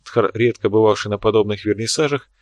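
A man's voice: fairly low pitch, a little fast, no echo. Man narrating an audiobook, dry close sound. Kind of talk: scripted narration.

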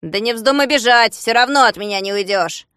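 A gruff, bossy little lunar watchman, put on by a woman who barks threats and commands in a loud, raised voice. He sounds like a storybook figure on a dry, close recording. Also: a little high, brisk, dry recording, natural voice. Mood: threatening. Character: gruff angry male lunar shorty watchman.

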